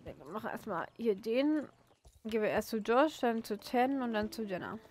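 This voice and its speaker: A woman's voice: fairly high pitch, expressive, moderate pace, darkish tone. A young woman casually commenting on her game, chatty and amused at herself, recorded at home on a desk mic. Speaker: gaming host. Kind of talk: casual let's play commentary.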